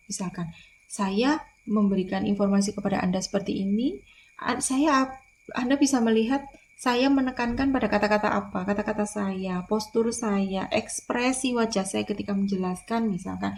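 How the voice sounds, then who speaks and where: A woman's voice: mid-range voice, normal speed, darkish tone, slight background noise. A woman lecturer, explaining in a recorded online lecture, repeating key points with frequent fillers.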